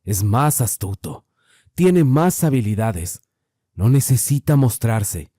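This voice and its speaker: A man's voice: medium pitch, sing-song, takes it slowly, mellow, no echo, studio quality. A man voicing a grave old mountain man. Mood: grave warning.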